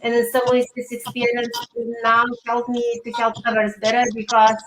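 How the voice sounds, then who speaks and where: Earnest and halting, a woman with a Lithuanian accent takes interview questions as a guest career coach. She speaks in a very even, fairly high voice, captured in an echoey, noisy room.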